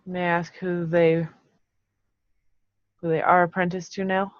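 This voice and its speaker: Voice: mid-range voice, level tone, a little slow, dry recording. Player speaking in character, dull recording. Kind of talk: role-playing a character in a tabletop game.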